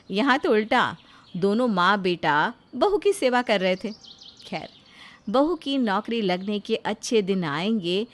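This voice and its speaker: Woman narrating a moral story. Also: medium pitch.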